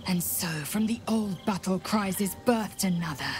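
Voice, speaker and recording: A proud, defiant alien warrior woman from a fantasy game. She speaks slowly in a lowish voice, formal and intense, with prominent music behind her. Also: animated. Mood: resolute. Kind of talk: dramatic video game acting.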